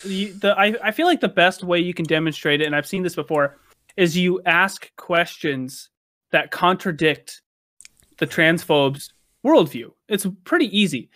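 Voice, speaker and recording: A high-pitched man talks loosely and casually, swearing now and then and filling pauses with "um" and "uh." The recording is dry and close, with no room sound. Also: pushed and bright, no room sound. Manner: rambling, filler-heavy, swears casually. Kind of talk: casual chat.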